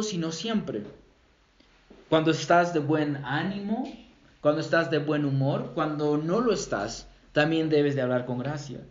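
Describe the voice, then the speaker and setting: A man preaching a sermon as a pastor, emphatic, repeating key phrases and checking with the congregation. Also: high-pitched. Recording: roomy, dull lo-fi sound.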